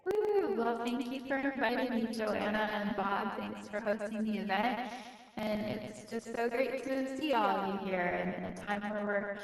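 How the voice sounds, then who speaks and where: A woman's voice: medium pitch, fairly even intonation, measured pace, gravelly. A woman founder speaking earnestly and encouragingly, with a mid-range voice. She is heard from a distance in a very echoey space with a long reverb. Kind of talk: live-stream talk.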